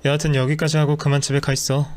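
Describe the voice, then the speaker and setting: A man's voice: a little high, flat delivery, fast, darkish tone, natural voice. A man reading a scornful cheating husband. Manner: scornful and dismissive. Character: cruel, contemptuous cheating husband.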